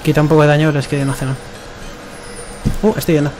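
Slangy young Spanish man, loud music behind. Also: a little high, level tone, quick pace, low-quality recording. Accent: Spanish from Spain. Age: young adult. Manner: foul-mouthed, slangy. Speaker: gaming streamer. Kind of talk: casual gameplay commentary with friends.

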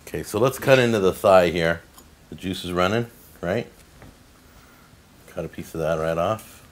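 A man's voice: sits low, moderate pace. A man hosting a casual home cooking demonstration, upbeat and instructional, from an older video. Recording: older video with faint background noise.

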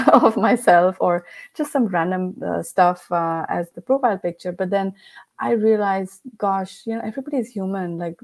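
Medium-pitched and a little mellow, this woman speaks with an Indian accent as a guest on a remote podcast. A company founder, she chats casually over a video call via headset from her home, laughing a lot and filling her talk with "like" and "you know."

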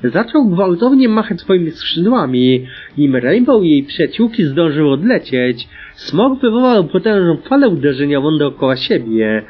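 A man narrating a storybook audiobook in a lively, dramatic reading style. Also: on the high side, slightly rough. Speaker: audiobook reader. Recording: dull lo-fi recording.

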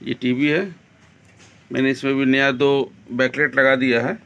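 A man with a Bihari Hindi accent calmly explaining a TV repair step by step in a small workshop, filmed on a phone. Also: medium pitch, normal speed. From India. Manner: plain, step-by-step explaining, addresses viewers as friends. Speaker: TV repair technician. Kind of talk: repair tutorial narration.

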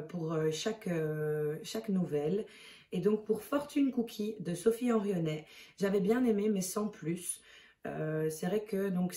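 A woman's voice: fairly low pitch, mellow. A woman chatting hesitantly as a book vlogger, reviewing her month's reading and checking her notes as she goes. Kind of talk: casual book review chat. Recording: roomy echo, mic at a distance.

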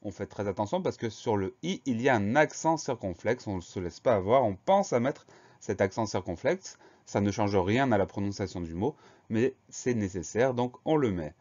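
Patient low-voiced man spelling words aloud. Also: expressive, moderate pace, a little mellow, lo-fi sound. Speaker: teacher. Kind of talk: spelling lesson.

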